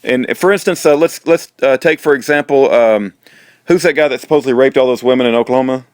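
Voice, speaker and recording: A middle-aged American man, a host and prisoner-support activist, talks to viewers in an informal, rambling monologue. His voice is medium in pitch, fast and smooth, with no echo, and he wanders along in a folksy, preacherly style, circling back to the same phrases.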